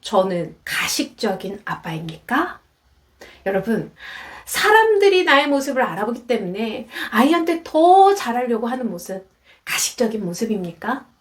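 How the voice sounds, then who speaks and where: A woman's voice: fairly high pitch, normal speed. A woman lecturer telling personal stories in a YouTube talk, acting out the voices of the people she quotes. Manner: animated, acts out quoted voices.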